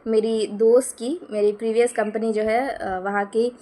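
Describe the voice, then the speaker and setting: A woman's voice: fairly high pitch, level tone, a little slow, mellow. Chatty young woman. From West Bengal, India. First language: Bengali. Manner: chatty, giggly, rambling with many fillers. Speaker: lifestyle vlogger. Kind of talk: casual vlog chat.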